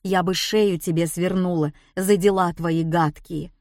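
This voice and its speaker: A bitter middle-aged mother of a storybook complains in heated, exclaiming bursts, played by a woman narrator. Her voice sits a little higher than the narration. The recording is close and dry. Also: fairly even intonation, a little slow, darkish tone, no echo. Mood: angry. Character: embittered middle-aged mother, quick-tempered.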